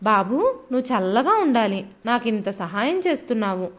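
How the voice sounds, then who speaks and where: A woman voicing a frail elderly father-in-law who pleads softly. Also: on the high side, big pitch swings, moderate pace. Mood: pleading. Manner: soft, pleading.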